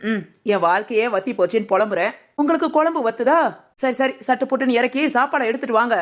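A woman's voice: on the high side, quick pace, close to an everyday voice. A woman voicing a cheeky, lazy young village daughter-in-law in a cartoon, teasing and talking back. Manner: sly, teasing, talks back. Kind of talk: cartoon voice acting.

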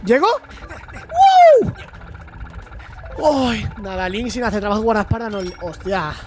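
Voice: medium pitch, fairly quick, noisy background. Swearing streamer from Spain. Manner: swears freely, exclaims at the game. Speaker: gaming streamer. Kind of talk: casual let's-play chat with chat replies.

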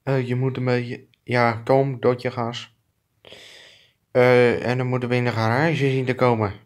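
A man's voice: medium pitch, little pitch movement, a little slow, natural voice. A man improvising a comic fan dub of two clumsy adult male neighbors who bicker, trading crude insults and swearing. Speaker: fan dubber.

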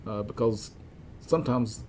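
An older male technician, his voice on the low side, shows how to check equipment in a cluttered electronics workshop indoors. His informal instructions proceed one step at a time, methodical and somewhat halting. Audio is clear with a steady hum of room noise.

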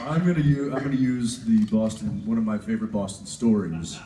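A man's voice: lowish voice, fairly quick, heavy background noise. A man telling a meandering anecdote on a convention panel, with restarts and asides. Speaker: panel guest. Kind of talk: rambling anecdote on stage. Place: convention hall stage. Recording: roomy hall, voice from far off.

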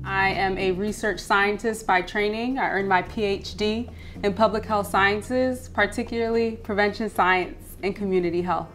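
A woman's voice: mid-range voice, steady tone, normal speed, music in the background. A woman in her thirties from Philadelphia, a research scientist, speaking reflectively about family and food. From Philadelphia, USA. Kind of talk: documentary interview.

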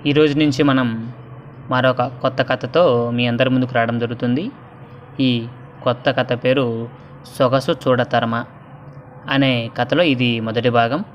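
A man's voice: steady tone, unhurried, pauses often, muffled recording, a little hiss or hum. A man telling a family story aloud as an audiobook storyteller, voicing every character himself. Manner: reads every character himself, pitching up for the women and girls. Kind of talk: audiobook story narration with voiced dialogue.

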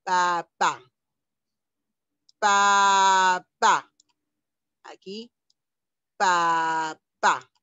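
Slow patient woman teacher. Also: fairly low pitch, steady tone, pushed and bright, clear, resonant tone, dry recording, highs cut off. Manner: slow, patient, sounding out syllables. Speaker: primary school teacher. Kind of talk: online reading lesson for young children.

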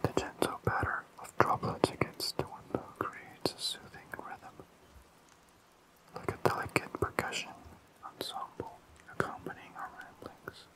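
An ASMR host rambling calmly in a fully unvoiced, slow and soothing whisper. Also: low-quality recording.

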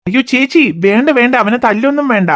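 A woman voicing a patient cartoon father who calms and reasons with small children. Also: on the high side, fast, natural voice. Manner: soothing, reasoning, calm. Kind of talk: cartoon voice acting.

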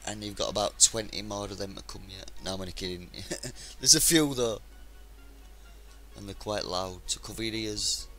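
A man's voice: lowish voice, moderate pace, sharp tone, soft background music. A man hosting a casual gaming live stream, chatting with a friend and joking as he thanks new followers.

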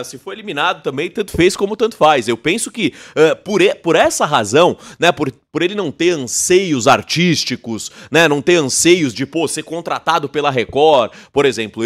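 A man with a Brazilian Portuguese accent, hosting a podcast and commenting on a reality show with theatrical emphasis. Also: mid-range voice. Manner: lively, swinging between excited and confiding, with theatrical emphasis. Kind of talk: animated commentary.

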